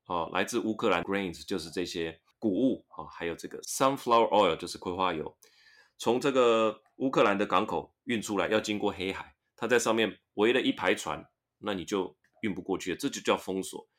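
A man's voice: sits low, normal speed. A man hosting a podcast lesson, reading English news passages aloud and explaining them in with frequent tag particles. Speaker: podcast host teaching English through news articles.

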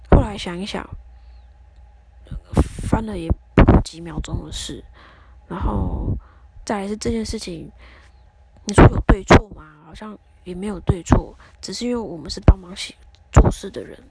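A woman's voice: mid-range voice, expressive, normal speed, vocal fry, long pauses, very noisy. A woman, hosting a podcast and telling a personal story as advice, acting out both sides of a quarrel. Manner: chatty storytelling, acts out quarrels. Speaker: podcast host.

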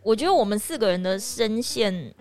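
Taiwanese woman, podcast co-host: high and piercing, talks very fast with lively swoops, faint music behind. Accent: Taiwanese Mandarin. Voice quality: high, piercing voice that cracks when scolding. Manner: fast, animated, excitable storyteller. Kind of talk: casual chat.

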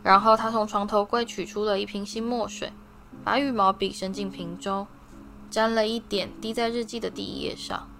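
A woman narrating a fantasy novel as an audiobook reader, in a steady, expressive reading voice. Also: medium pitch, moderate pace, gravelly, faint music behind. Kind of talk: storybook narration.

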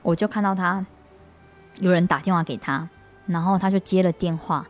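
A woman with a Taiwanese Mandarin accent speaks in a fairly low voice as an interview guest. She tells her faith testimony earnestly, often restarting her sentences, while soft music plays faintly behind her. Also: steady tone, normal speed.

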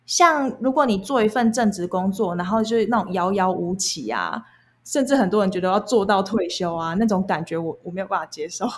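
A woman's voice: mid-range voice, lively intonation, brisk. A young woman with a Taiwanese accent, talking casually and candidly as she explains her own experiences. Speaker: guest recounting past jobs. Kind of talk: casual conversational storytelling.

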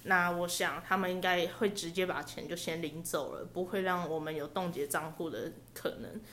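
A young woman telling a story on a podcast, lively and laughing often, on a headset mic. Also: lowish voice, moderate pace, a little hiss or hum. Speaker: podcast co-host. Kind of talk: casual chat, storytelling. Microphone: headset microphone.

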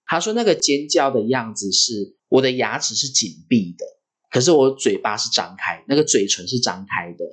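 Man, husky voice, lively pitch, vivid podcast storyteller. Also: moderate pace. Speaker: podcast host.

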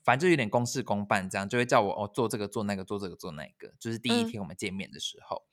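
A man chatting casually, telling a story with lively, animated quoting of others. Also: very fast. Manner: animated, acts out quotes with sudden high squeals. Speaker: storyteller in a chat. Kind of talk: casual chat.

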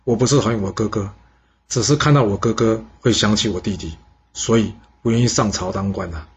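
A man voicing a gentle, principled prince who speaks sincerely and softly. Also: lowish voice, a little fast, a little hiss or hum, close to an everyday voice. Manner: soft-spoken, sincere. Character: gentle principled younger brother of a ruler. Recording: dull lo-fi sound.

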